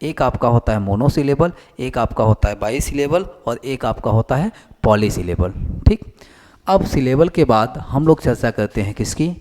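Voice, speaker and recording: Speaking with a medium pitch that is expressive and slightly mellow, a man teaches basic English in a classroom. Every point gets echoed back as a question, and he dictates definitions at a slow pace while putting them on the board.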